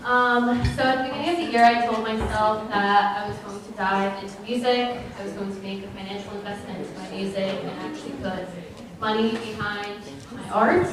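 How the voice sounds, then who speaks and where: A woman's voice: mid-range voice, steady tone, a little fast. A woman from the Czech Republic, a guest musician introducing her song in casual talk full of fillers like "like" and "um". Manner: chatty, lots of "like" and "um" fillers. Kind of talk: casual live-event talk. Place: event room with audience. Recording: very echoey room, from far off, crowd noise.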